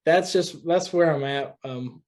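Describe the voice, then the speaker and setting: A man's voice: a little high, unhurried, a little mellow. A young man from West Virginia, a guest musician talking loosely in a casual podcast chat, often saying dude.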